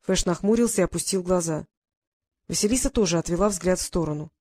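An audiobook narrator reading a fantasy story in an even, steady storytelling manner. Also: mid-range voice, fast. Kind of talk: scripted narration.

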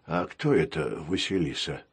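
A man reading a children's sci-fi storybook aloud, voicing a gentle, worried old male nanny robot who speaks softly and calmly. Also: extremely low pitch, moderate pace, breathy edge, pitched below the performer's own voice, exaggerated voice.

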